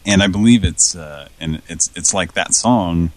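A man chatting casually as a podcast co-host, rambling and hesitant with filler words. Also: normal speed. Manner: rambling, hesitant, bursts into goofy high yelps. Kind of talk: casual chat.

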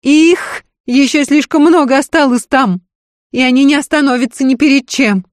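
A man's voice: very high-pitched, dry recording, studio quality, voice pushed up. A man voicing a capricious, hysterical young noblewoman with a Polish accent in an audiobook. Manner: shrieking, frantic, capricious.

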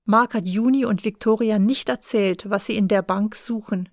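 A woman narrating an easy German audiobook for learners, clear and careful. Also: mid-range voice, normal speed, no room sound, studio quality.

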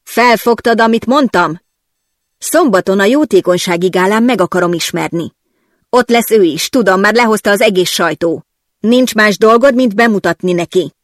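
Narrator doing a mad yelling newspaper boss guy, bossy and loud, dry close sound. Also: mid-range voice, no room sound, pitched above the performer's own voice, lightly acted. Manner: barking, impatient commands. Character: angry shouting male newspaper boss.

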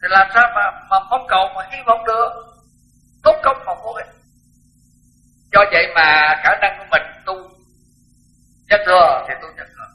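An older monk preaches a sermon in a high, sharply bright voice. He talks frankly and bluntly, often repeating words to press a point. Soft music sits faintly behind him. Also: moderate pace, pauses often, poor audio. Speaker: Buddhist monk teacher. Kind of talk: dharma talk sermon.

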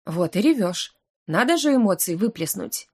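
A woman voicing a gentle, soothing elf girl. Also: mid-range voice, animated, moderate pace, husky. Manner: gentle, coaxing.

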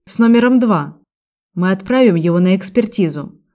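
A woman's voice: mid-range voice, animated, normal speed, darkish tone, lightly acted. A woman voicing a male police officer who speaks in a formal, matter-of-fact way.

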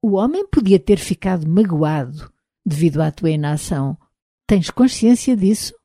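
A woman's voice: fairly low pitch, expressive, moderate pace, mellow, no echo, studio quality. A woman voicing a stern, controlled psychologist who questions firmly. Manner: firm, questioning, restrained. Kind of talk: audiobook character reading.

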